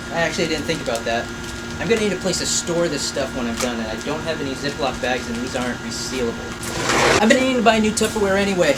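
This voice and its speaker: Over very noisy audio, a man with a slightly high voice hosts a craft and painting video, chatting informally and explaining his hobby project in a self-deprecating way.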